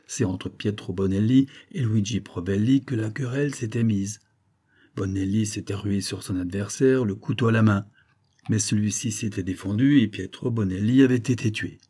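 A man narrating a classic novel aloud, shifting his pitch and loudness to voice each character. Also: breathy edge. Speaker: audiobook reader. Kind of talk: scripted narration with voiced dialogue.

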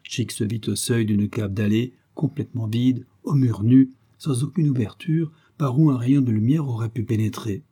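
A man narrating a classic detective novel in a steady, measured audiobook reading. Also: medium pitch, husky.

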